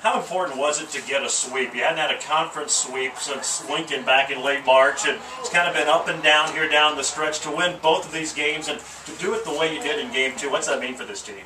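A man's voice: fairly high pitch, fairly even intonation, brisk, hardly any pauses, far from the mic. Man, sports announcer, rambling questions, echoey press box, noisy background. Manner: chatty, rambling questions with restarts. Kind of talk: postgame interview. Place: small wooden press box at a ballfield. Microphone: headset mic. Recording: echoey, from off the mic, noisy outdoor ambience.

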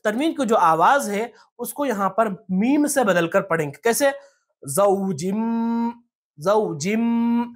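A teacher giving a step-by-step lesson on reading the Quran. The teacher often asks rhetorical questions and spells out letter sounds slowly. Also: medium pitch, lively intonation, fairly bright tone, slightly rough. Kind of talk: tajweed lesson.

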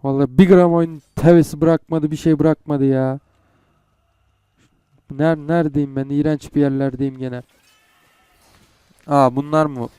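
A man's voice: fairly high pitch, fairly even intonation, a little slow, long pauses, warm tone, clear, resonant tone, no room sound. Frustrated young man swearing at a game. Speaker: gamer. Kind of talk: gameplay commentary.

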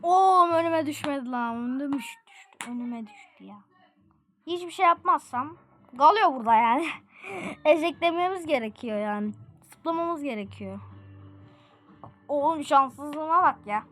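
A woman talking through a game as she plays it, with a high, bright voice that jumps all over its range. She is excitable, breaks into laughter often and yelps at what happens on screen. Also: normal speed, soft background music. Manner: excitable, laughing, shouting exclamations. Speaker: gaming video creator. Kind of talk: live gameplay commentary.

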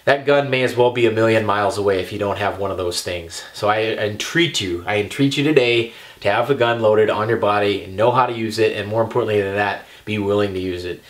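A man's voice: on the low side, a little fast. A young man giving an emphatic talk straight to the camera as a firearms instructor, checking in often with "okay" and "all right".

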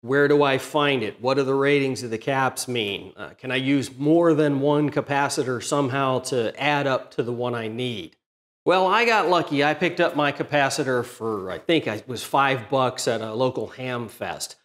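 Recorded in his home workshop, a middle-aged man running a welding channel walks the camera through a welder modification. He speaks in a mid-range, slightly bright voice at a moderate pace, keeping things methodical, plain and technical.

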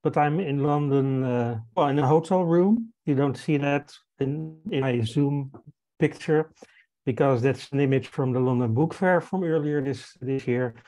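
Man, 50s, mellow voice, hesitant English on earbuds. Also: medium pitch, measured pace. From Netherlands. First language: Dutch. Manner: hesitant, with fillers. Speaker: presenter. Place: hotel room.

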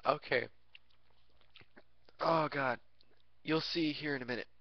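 A man's voice: a little high, takes it slowly, dry recording, dull audio. A young man rambling through a crude, jokey vlog rant and slipping into silly voices.

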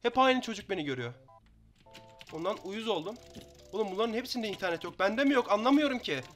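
Fast, bright-voiced young gamer man. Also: sits high, faint music behind. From Turkey. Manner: fast excitable banter, taunting opponents. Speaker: gaming YouTuber. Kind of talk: live Minecraft gameplay commentary.

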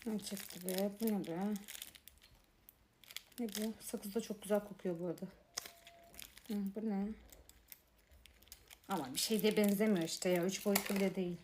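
A woman's voice: mid-range voice, steady tone, moderate pace, long pauses, noisy background. A woman chatting casually to viewers as she unboxes toys, grumbling and exasperated at what she gets. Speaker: unboxing vlogger. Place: apartment room.

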